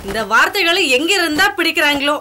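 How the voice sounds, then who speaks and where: A woman's voice: extremely high pitch, expressive, quick pace, bright, forceful tone, a little hiss or hum, exaggerated voice. An actress playing a young wife and mother who speaks urgently and in exasperation.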